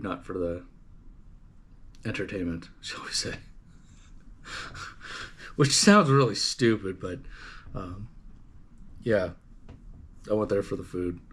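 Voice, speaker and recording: A man from Canada casually chatting to his livestream viewers, rambling and swearing, with lots of fillers and restarts. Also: mid-range voice. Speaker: livestream host. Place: home livestream setup.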